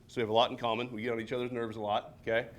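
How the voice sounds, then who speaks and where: A man in his early forties, a high school football coach, giving a personal talk at a seminar in a church, chatting with many fillers and tag questions. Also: little pitch movement, very fast. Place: church meeting room.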